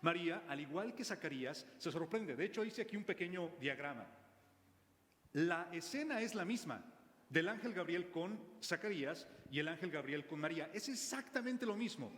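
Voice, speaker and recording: Animated preacher in a reverberant hall. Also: male voice, fairly high pitch. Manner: animated, jokes with the congregation, slows for scripture quotes. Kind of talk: sermon. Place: church hall. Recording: long church hall reverb.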